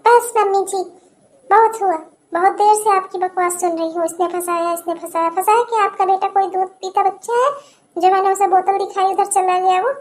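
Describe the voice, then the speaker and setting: A young newlywed daughter-in-law in a cartoon, voiced by a woman, who fires back quick, defiant replies. The voice is very high. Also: fairly even intonation, a little mellow.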